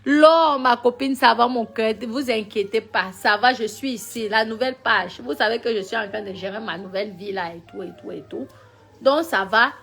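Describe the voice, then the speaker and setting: A woman talks straight to her followers on a live stream. She is emphatic and repetitive, swinging from loud scolding to low mutters in a mid-pitched voice, with faint music playing underneath. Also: fairly quick, gravelly, husky. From Cameroon.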